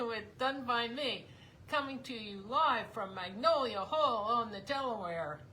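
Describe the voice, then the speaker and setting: A woman chats her way through a live craft stream, her voice bright and a touch tense. She rambles and teases her husband with little laughs, and her voice is slightly giving out. A faint hum sits behind her. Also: fairly high pitch, lively intonation, a little slow, poor audio. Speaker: craft show co-host. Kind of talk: casual live-stream chat. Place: basement tavern room of a house.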